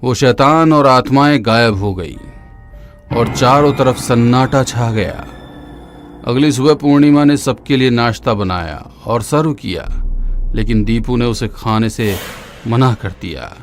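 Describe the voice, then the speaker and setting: Telling a horror tale a little slowly, a man uses a steady, dramatic voice of middle pitch that dips lower for the darkest passages. Loud, eerie music plays under the whole narration.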